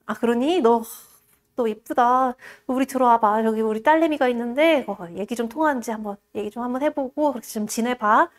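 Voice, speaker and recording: A woman voicing a kind noble mother who softly invites a guest in. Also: on the high side, brisk, natural voice. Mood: coaxing.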